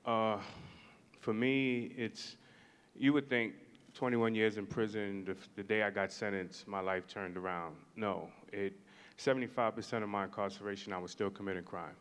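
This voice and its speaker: A man in his forties from New York telling his life story as a panel guest, measured and reflective with pauses. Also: fairly low pitch, steady tone, a bit bright, clear, resonant tone. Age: 40s.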